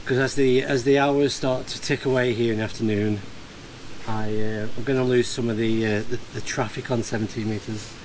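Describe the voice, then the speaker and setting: Moving between a field and a barn, a ham radio hobbyist vlogs as he works, his casual narration full of hesitant thinking aloud. The medium-pitched voice stays fairly even at a moderate pace, with poor audio and clear location noise behind him.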